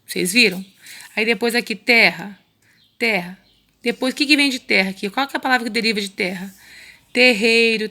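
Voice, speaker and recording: Woman, Brazilian accent, primary teacher recording a remote lesson, bright edgy tone with some fry, patient and repetitive. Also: mid-range voice. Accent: Brazilian Portuguese. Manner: patient, coaxing, repeats words slowly.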